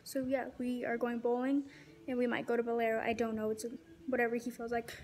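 This young woman, American-accented, talks casually to her vlog audience in a slightly high, monotone voice that is fairly quick and darkish in tone. She films at arm's length on a phone or device in her bedroom, kitchen and car, and outside at night.

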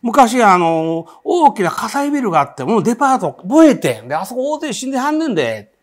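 A man putting on the voice of a chatty middle-aged Osaka mother, speaking in a Kansai accent with a raised, excited tone. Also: high voice, a little fast, voice pushed up. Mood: knowing, ominous.

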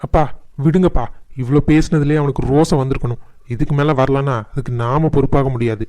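A man voicing a calm, sensible elder son. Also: medium pitch, a little fast, no room sound, close to an everyday voice. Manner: soothing, reasonable.

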